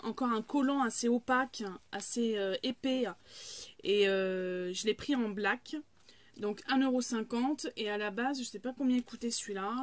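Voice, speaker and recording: Woman in her 30s, casual haul vlogger, slightly high voice, rambling and friendly. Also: slight background noise. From France. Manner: chatty, many fillers and restarts.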